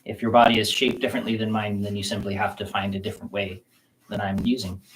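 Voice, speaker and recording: A man with a fairly low voice leads a qigong self-massage session. He speaks slowly and gently, calmly guiding the listener's attention through the practice. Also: slight background noise, low-quality recording. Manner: slow, calm, gentle guiding talk. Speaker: qigong teacher. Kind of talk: guided self-massage instruction.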